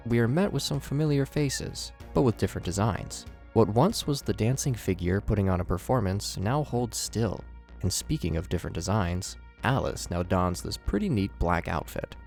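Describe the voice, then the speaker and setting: As host and narrator of a scripted horror commentary video, a man speaks in a lowish, gravelly, slightly mellow voice. He presents theatrically with wry asides while music plays in the background.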